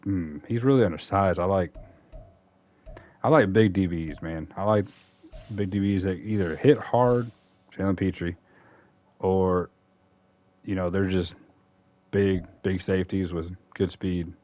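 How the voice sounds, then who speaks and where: A man's voice: low voice, measured pace, pauses often, darkish tone. A man casually talking through a football franchise game, rambling and correcting himself as he goes. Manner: rambling, self-correcting, chatty. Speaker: gaming YouTuber. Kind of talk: casual franchise-mode commentary.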